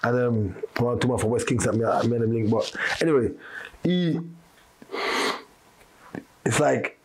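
A man's voice: medium pitch, a little slow, breathy edge. A man, a podcast guest telling a long story in casual street slang, rambling and restarting as he goes.

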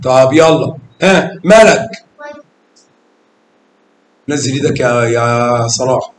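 Speaking slowly at a medium pitch, this Egyptian Arabic-accented man leads a children's math lesson, prompting the class with questions and using affectionate names for individual pupils. The echoey classroom carries slight background noise.

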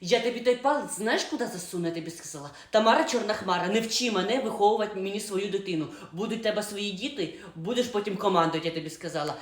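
A woman voicing a harsh, nagging stepmother who scolds loudly and gives orders. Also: quick pace, hardly any pauses, natural voice. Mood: bossy. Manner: scolding, shrill, bossy. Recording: roomy echo.

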